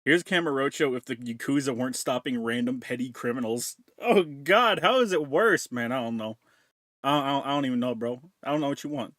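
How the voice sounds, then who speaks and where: A man with a medium-pitched voice streams from home, chatting crudely and jokingly with his chat while eating and chewing into a desk mic with noise removal. The sound is clean, studio-like, with no echo.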